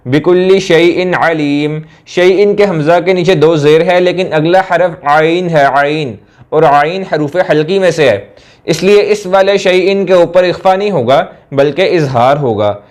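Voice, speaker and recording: A man teaching Quran recitation, explaining rules and then slowly drawing out each recited example, with hesitant fillers between points. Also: a little high. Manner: repeats letters and syllables slowly, with hesitant fillers. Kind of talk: slow classroom explanation with drawn-out recited examples.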